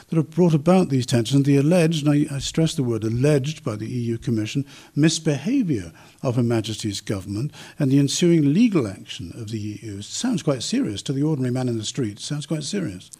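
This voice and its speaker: Male radio interviewer, mellow husky voice, formal rambling questions. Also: medium pitch, expressive, quick pace. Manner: formal, long-winded questions with restarts.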